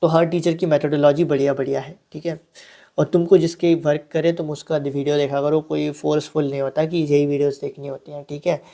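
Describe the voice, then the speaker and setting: A young man gives a relaxed online exam-prep lecture. His voice is mellow and warm, and he keeps it conversational, slipping in English terms and breaking off for easygoing asides. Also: on the high side, fairly quick, gravelly. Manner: chatty, mixes English terms, frequent asides and "ठीक है". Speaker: online teacher.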